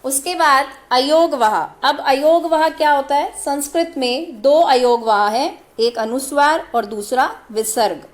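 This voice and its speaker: A woman teaching a grammar lesson, explaining carefully and sounding out each letter one by one. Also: high voice. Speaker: Sanskrit teacher. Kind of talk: slow step-by-step grammar lesson.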